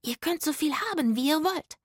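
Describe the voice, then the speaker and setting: Eine Erzählerin, die in einer Kinderhörgeschichte ein hilfsbereites Mädchen spricht, oft flüsternd. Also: female voice, sits high, expressive, moderate pace, no echo, studio quality, voice pushed up. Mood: friendly. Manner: whispering, then bright. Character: kind girl behind a wall, helpful.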